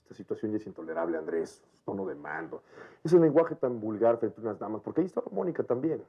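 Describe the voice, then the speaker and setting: An actor playing an indignant, offended gentleman in a 1990s Mexican telenovela, with a Mexican Spanish accent. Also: on the low side, very animated, fast, husky, exaggerated voice. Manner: huffy, indignant. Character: indignant genteel man, stiff and offended. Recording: dull lo-fi TV audio.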